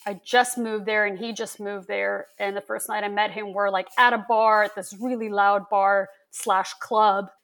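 Woman from lithuania, podcast guest, tells stories all animated and chatty. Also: mid-range voice, moderate pace, gravelly, hardly any pauses. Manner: lively storyteller, animated. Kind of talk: casual interview chat.

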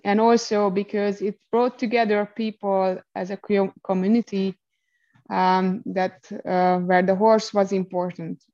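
A woman with a Hungarian accent and a mellow, relaxed voice at a middle pitch. She explains things as an interview guest, often pausing to find her words in a second language. The sound is slightly dull and lo-fi. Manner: hesitant, searching for words in non-native English. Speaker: interview guest, equestrian rider.

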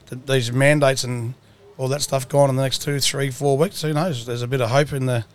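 Male podcast host, broad Australian accent, casual and colloquial, mid-pitched everyday voice. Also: fairly even intonation, fairly quick. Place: mobile podcast setup at an outdoor rally.

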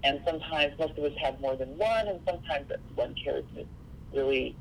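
A woman's voice: low-pitched, a little fast, creaky, slight background noise, rough recording. A woman from Seattle, speaking as an interview guest in an earnest, reflective way. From Seattle, USA. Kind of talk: interview conversation.

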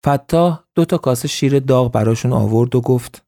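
A man narrating a story in a calm, even storytelling manner. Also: mid-range voice, no room sound. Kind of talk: scripted narration.

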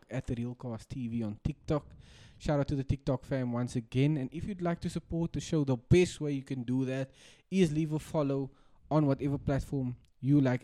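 A man's voice: medium pitch, mellow. A South African man co-hosting a podcast in casual banter, with laddish, bro-heavy slang. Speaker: podcast co-host.

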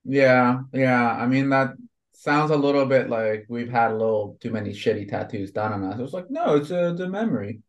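A man's voice: mid-range voice, moderate pace. Rambling man in his thirties, from Honduras. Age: 30s. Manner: rambling, lots of fillers like "you know". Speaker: tattoo artist guest. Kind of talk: casual conversation.

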